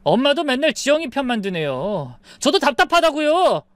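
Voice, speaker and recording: A woman voicing a hot-tempered adult son who whines and yells in shrill, petulant outbursts. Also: animated, fairly quick, dry recording. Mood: angry.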